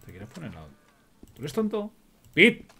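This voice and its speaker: Male, Spain Spanish accent, high-pitched and animated, jokey role-play gamer who swears and talks to himself. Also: measured pace, vocal fry, a little hiss or hum. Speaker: roleplay streamer. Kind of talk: in-character game role-play commentary.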